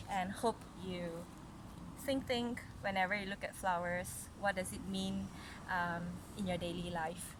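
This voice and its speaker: A woman with a medium-pitched voice reads a picture book aloud to a young child, adding gentle, encouraging, chatty asides that explain the pictures. The recording is noisy, with a background hum like a vehicle.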